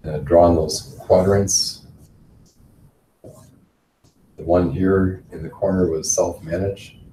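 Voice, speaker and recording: Deep-voiced man lecturing a class. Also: slow. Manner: relaxed, chuckles often, repeats words. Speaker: instructor. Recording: roomy, from far off, faint noise.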